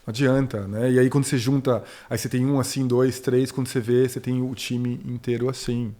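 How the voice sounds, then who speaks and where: A man's voice: medium pitch, flat delivery, fairly quick, dark tone. Earnest Brazilian man mentoring on careers. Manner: earnest, explanatory, tells anecdotes with quoted dialogue. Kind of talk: conversational podcast interview.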